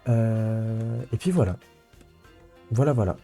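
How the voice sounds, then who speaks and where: Young male let's play host, mellow voice, chatty and rambling, light music underneath. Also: fairly low pitch, takes it slowly. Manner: rambling, many fillers and restarts. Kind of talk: casual gameplay commentary.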